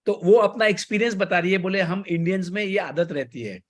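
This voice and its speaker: A man coaching an online class in Hindi mixed with English, with an Indian accent, who deliberately varies his pace and loudness and pauses after key points. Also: high voice.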